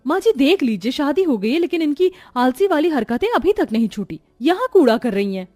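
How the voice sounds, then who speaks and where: Woman voicing a fed-up cartoon daughter-in-law, grumbling, lower-pitched, faint music behind. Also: sing-song, a little fast, mellow. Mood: annoyed. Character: fed-up, grumbling young housewife. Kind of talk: cartoon voice acting.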